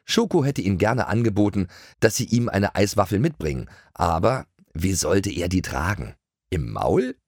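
A man reading a children's audiobook in a lively storytelling way, recorded close on a studio mic. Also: deep voice, moderate pace, no room sound. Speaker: audiobook reader. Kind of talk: scripted children's audiobook narration.

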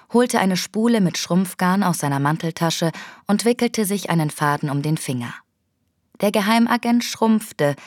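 A woman reads a children's audiobook aloud in a clear, even storytelling voice. Her voice sits on the low side for a woman, and the recording is close and dry, with no room sound. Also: no echo. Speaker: audiobook narrator. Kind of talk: scripted narration.

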